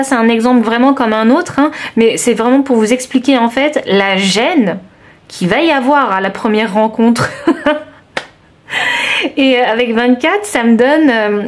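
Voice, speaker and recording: A woman with a southern French accent doing a tarot card reading for viewers, thinking aloud with many hesitations. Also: fairly high pitch. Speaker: tarot reader.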